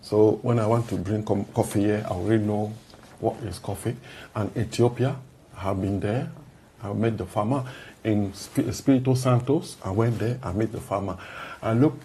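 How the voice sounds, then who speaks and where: A man from Cameroon, a coffee roaster guest, talking in halting, short plain sentences in a casual interview. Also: on the low side, mellow, slight background noise.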